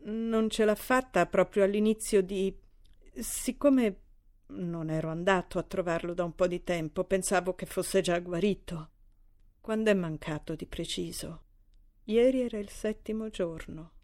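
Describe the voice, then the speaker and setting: A woman's voice: mid-range voice, a little slow, darkish tone, natural voice. Woman reading as a courteous old professor. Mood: polite. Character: polite aging male professor, courteous.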